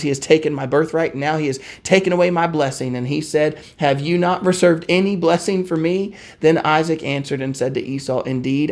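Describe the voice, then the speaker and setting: Higher-voiced pastor teaching scripture. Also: male voice. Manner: reads scripture aloud, restarts, asks listeners questions. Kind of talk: conversational Bible teaching.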